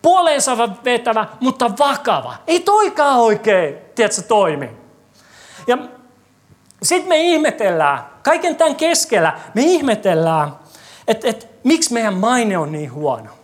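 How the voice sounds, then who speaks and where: This is a sermon in a church hall, where the preacher, whose voice is mid-range, poses lively rhetorical questions to the congregation. Wry, joking asides are mixed in.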